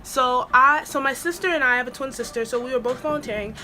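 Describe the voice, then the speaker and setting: A woman's voice: high-pitched, fast talker, pushed and bright, a little hiss or hum. A woman vlogger telling a storytime at home, chatty and rambling with lots of "like"s and restarts. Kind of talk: storytime vlog. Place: at home with an air purifier running.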